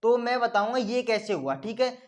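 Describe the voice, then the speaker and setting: A man's voice: extremely high pitch, animated, normal speed. Man, teacher, online lesson, repeats lines over and over, call-and-response, speaks for his students too. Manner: answers for his students himself; calls listeners "beta".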